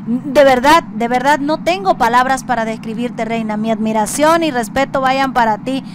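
She's a radio host with a high-pitched voice and moderate pace, heard against a noisy background. Her interview style is conversational and effusive, marked by hesitant, frequently repeated phrasing.

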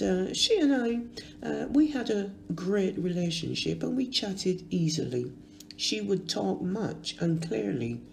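A woman in her sixties from Barbados, reading a funeral tribute in a slow, measured, fond way in a church. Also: sits low, gravelly, warm tone. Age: 60s. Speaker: eulogist.

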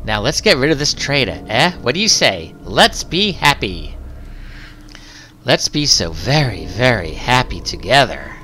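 A man voicing a sinister, manipulative inner voice in a game let's-play, low, slow and menacing. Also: very animated, bright, forceful tone, a little hiss or hum.

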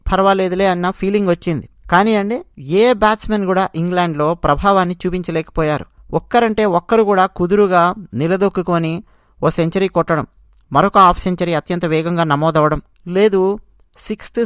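A cricket channel host delivers cricket commentary, recapping play in a conversational, emphatic way. The voice sits at a middling pitch and speaks straight to listeners. The sound is dry, with little room around it. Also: clean tone, no echo.

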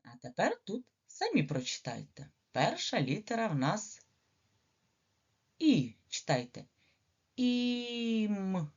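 Female preschool teacher with a Ukrainian accent, low and very melodic, slow and patient, slightly muffled recording. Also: wildly swooping pitch, slightly rough. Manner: slow, sing-song, drawn-out sounds for children. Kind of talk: early literacy lesson for small children.

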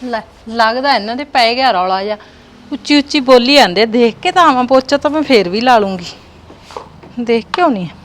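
A woman's voice: a little high, animated, a little fast, slight background noise, natural voice. A woman playing a gossipy neighbour who comes round to stir up a family quarrel. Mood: gossiping. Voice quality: gossipy, meddling. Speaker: nosy neighbour. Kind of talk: village comedy drama.

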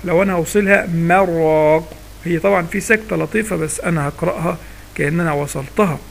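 A man's voice: high-pitched, gravelly. A man with an Egyptian accent teaching a recitation lesson in a casual spoken style. He asks himself questions and then answers them step by step. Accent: Egyptian Arabic.

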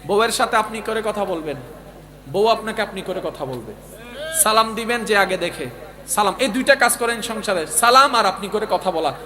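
A man giving a sermon to a large live gathering. He swings between loud exhortation and hushed storytelling, and calls out to the audience for responses. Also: high-pitched, animated, moderate pace. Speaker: preacher. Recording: live crowd murmur behind.

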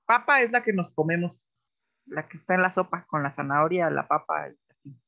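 A woman's voice: low-pitched, animated, brisk, creaky, dry recording, dull audio. A woman teacher with a Mexican accent giving patient, explanatory feedback in an online class, often checking that the students follow. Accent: Mexican Spanish.

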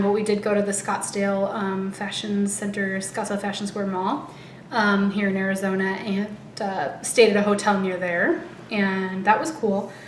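Her voice medium-pitched, an American woman in her thirties chats casually as a beauty vlogger, heavily pregnant and a little out of breath. She is indoors in her home's living room, with the camera placed a short distance from her. Light background noise and a roomy echo come through.

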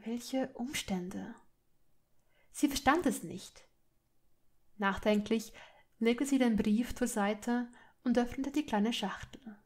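A woman narrates fan fiction as an audiobook with a rather high voice. Her telling is slow and measured, with each sentence given room. She tells the story expressively but keeps it steady. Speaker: audiobook reader.

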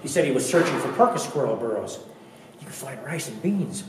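A man reading his own poetry aloud at a library event, telling it in a measured, wry way with dry humor. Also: medium pitch, animated, slight background noise. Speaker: poet reading his work. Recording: very echoey room, mic far off, audible background.

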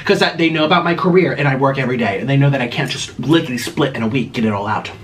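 A man's voice: medium pitch, racing, fairly bright tone. A man hosting a casual eating vlog at home, shushing and defensively bickering with his partner. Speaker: vlog host. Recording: noisy with dish and cutlery clatter.

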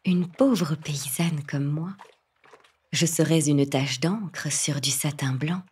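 A woman's voice: low-pitched, a little slow, darkish tone, husky, recorded from a distance, heavily acted. A woman voicing a fearful young peasant boatwoman who pleads in a trembling, whispery voice. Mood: pleading.

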